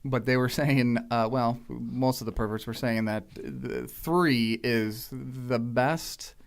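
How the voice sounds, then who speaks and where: A man co-hosting a casual gaming podcast, relaxed and low-key, often trailing off softly. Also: clear, resonant tone. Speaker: podcast co-host.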